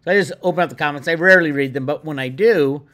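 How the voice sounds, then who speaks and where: A man hosting his own online video channel, ranting in a casual, animated way with lots of restarts and indignant asides. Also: on the high side, fast. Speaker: crypto video host. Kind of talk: casual commentary to viewers.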